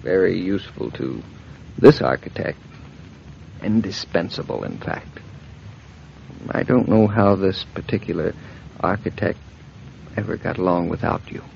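Wry young husband, muffled radio. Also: male voice, low-pitched, a little slow, vocal fry, pauses often, darkish tone, a little hiss or hum, heavily acted. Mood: tender. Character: wry, affectionate young architect husband, gently teasing. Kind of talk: 1950s radio drama acting. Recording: muffled old radio transcription.

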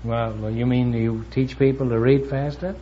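A man hosting a quiz show, teasing his guests with sly quick wisecracks. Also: mid-range voice, steady tone. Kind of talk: wisecracking interview banter. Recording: dull old broadcast with hiss, audience.

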